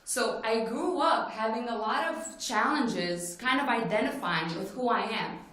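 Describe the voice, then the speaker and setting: With a fairly high, fairly bright voice and a measured pace, this Moroccan forum speaker earnestly recounts her own story. "You know" comes up often, and the plenary hall's heavy echo fills the recording.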